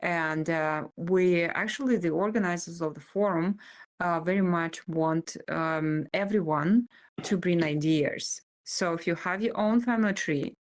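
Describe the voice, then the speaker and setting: Female seminar guest, Russian accent, fairly low pitch, informal delivery. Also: measured pace.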